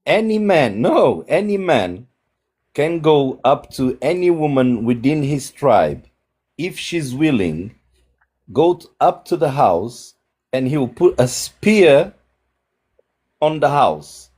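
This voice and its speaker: A man's voice: a little high, sing-song, slow pace, darkish tone, slightly rough. A man hosting a panel, speaking earnestly, stammering and repeating his points. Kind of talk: panel discussion.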